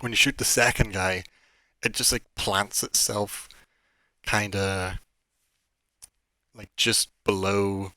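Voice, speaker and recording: A man running a tabletop game with a bright, forward voice. He narrates unhurriedly, full of fillers and small restarts, and sounds dry and close to the mic. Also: on the low side, steady tone, dry recording. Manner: descriptive, halting with many fillers. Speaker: dungeon master.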